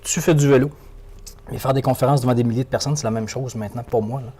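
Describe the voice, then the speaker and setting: A man's voice: mid-range voice, steady tone, fast talker, warm tone, slight background noise. A man with a Québécois French accent, a motivational speaker giving an interview, who repeats words and phrases for emphasis. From Quebec. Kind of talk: animated interview talk.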